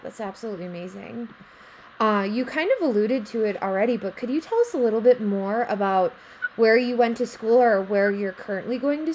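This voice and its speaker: A woman's voice: mid-range voice, a little mellow, slight background noise. A woman hosting a podcast interview, asking questions in a friendly, encouraging way. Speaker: podcast host.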